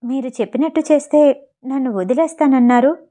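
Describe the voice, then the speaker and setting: A woman's voice: high voice, fairly quick, mellow. A woman reading a frightened, guilty woman doctor. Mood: pleading. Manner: pleading, tearful.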